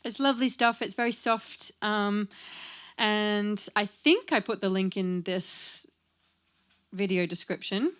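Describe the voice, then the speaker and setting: A woman's voice: mid-range voice, slow, a bit bright, clear, resonant tone. A woman in her forties chatting casually between songs at a home live stream, laughing often and filling gaps with ums. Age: 40s. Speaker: singer-songwriter hosting a live stream. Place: home lounge.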